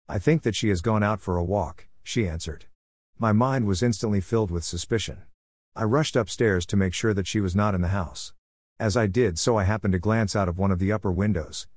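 A man narrating an audiobook in a measured, earnest storytelling manner. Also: fairly low pitch, darkish tone, no room sound, studio quality.

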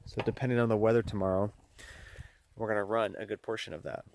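A man's voice: fairly low pitch, fairly even intonation, fast, vocal fry, noisy background. A man casually narrating his outdoor trip to camera on a snowy mountain ridge, in short, matter-of-fact remarks recorded on a handheld phone. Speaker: outdoor vlogger.

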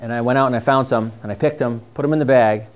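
Soft music plays in the background as a middle-aged man with a New England accent talks quickly in a mid-range voice. He's a mushroom foraging instructor giving a chatty, enthusiastic slide-based class in a dim room with a projector screen, captured by a faraway camera.

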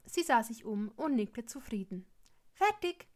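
A woman reading fan fiction aloud in steady, plain storytelling. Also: on the high side, measured pace. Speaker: reader.

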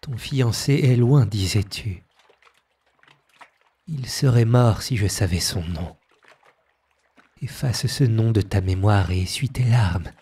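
A man voicing an imperious young emperor in an audio story reading, speaking slowly and commandingly. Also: on the low side, dark tone, breathy edge, heavily acted.

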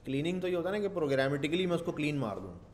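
A man's voice: fairly high pitch, big pitch swings, very fast. Man, casual coding lecture, rambling, thinks aloud, faint hiss behind. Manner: rambling, thinks aloud, mixes English terms into Urdu. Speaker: programming instructor.

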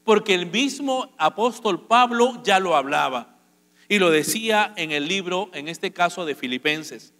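A man preaching a sermon to his congregation, lively, asking them questions and acting out quotes. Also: high voice, measured pace. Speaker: pastor. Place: church auditorium. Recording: long hall reverb.

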